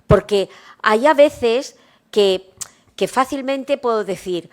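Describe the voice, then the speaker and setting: Calm middle-aged woman teaching mindfulness. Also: fairly high pitch. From Spain. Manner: calm, unhurried, rhetorical questions to the class. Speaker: nurse teaching a mindfulness workshop. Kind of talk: workshop lecture.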